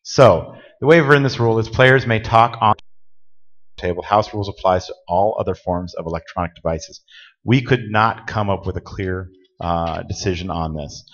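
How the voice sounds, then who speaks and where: A man's voice: low-pitched, normal speed, a bit bright. A man presenting rules to a conference audience in a plain, direct, instructive way. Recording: dull lo-fi audio with long hall reverb.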